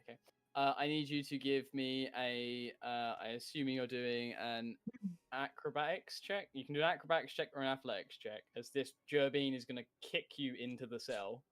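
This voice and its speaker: Man, game master for a tabletop game; smooth, resonant voice, easygoing delivery. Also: medium pitch, dry recording. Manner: relaxed, halting with fillers.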